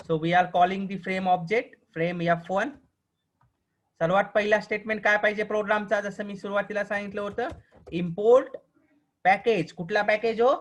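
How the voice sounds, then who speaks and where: A man with a Marathi accent teaching a programming class online, often pausing to ask whether the students understand and slowing down for the English definitions. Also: sits high, steady tone. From Maharashtra, India. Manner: keeps checking if students understand; mixes slow dictated English with quicker explaining.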